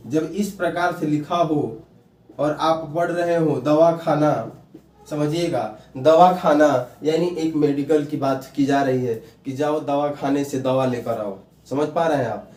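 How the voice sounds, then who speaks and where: A male teacher with a somewhat high, slightly mellow voice speaks a little slowly while giving a grammar lesson, repeating key terms and quizzing his students. The room is echoey and his voice sounds a bit far from the mic.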